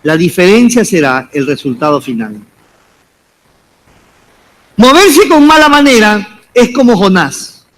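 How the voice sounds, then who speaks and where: A man's voice: high voice, big pitch swings, measured pace, long pauses, fairly bright tone. A man preaching as pastor, repeating calls to the congregation and addressing them as brother. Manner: preaching with repeated, rising exhortations. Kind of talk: sermon.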